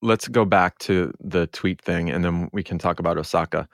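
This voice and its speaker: A podcast co-host chats casually and conversationally in a low, creaky voice at a normal pace. The recording is dry and clean, with studio-quality sound.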